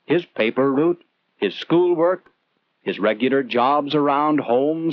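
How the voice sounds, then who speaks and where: This narrator of a scripted 1940s instructional film has a voice on the high side, heard dull and without echo on an old film soundtrack. He tells the story earnestly and conversationally, asking the viewer questions.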